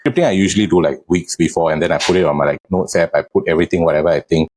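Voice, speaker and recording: Deep-voiced Singaporean man chatting casually. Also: racing, a little mellow. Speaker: interview guest, real estate agent. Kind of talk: casual conversational interview.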